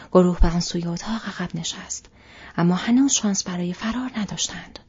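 A woman narrating a fantasy story as an audiobook in whispered role-play, with a steady, breathy whisper. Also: fairly low pitch, muffled recording.

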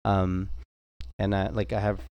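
A man's voice: sits low, little pitch movement, unhurried, clean tone, dull audio. A man co-hosting a casual podcast chat with a congested, stuffy-nosed voice from allergies, rambling informally. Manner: rambling, informal, slips into Spanish. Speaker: podcast co-host.

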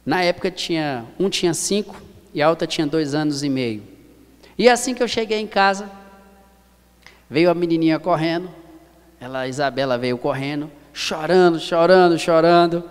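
High-voiced Brazilian preacher in a reverberant hall. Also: male voice, normal speed, smooth. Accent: Brazilian Portuguese. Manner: earnest, repeats phrases for emphasis. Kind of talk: sermon.

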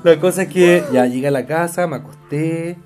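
A man's voice: fairly high pitch, normal speed, darkish tone, soft background music. A Chilean man co-hosting a podcast, telling a rambling story in casual chat and laughing as he goes. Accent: Chilean Spanish. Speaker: podcast co-host.

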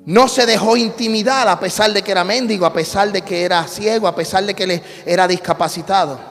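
A man preaching an impassioned sermon, swinging from loud repeated shouts to low storytelling. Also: brisk, in a large hall, soft background music. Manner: shifts from shouting to hushed storytelling, repetitive cadence. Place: church sanctuary.

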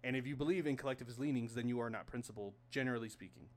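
A man's voice: medium pitch, rapid-fire. Opinionated man lecturing on politics. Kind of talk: casual political chat.

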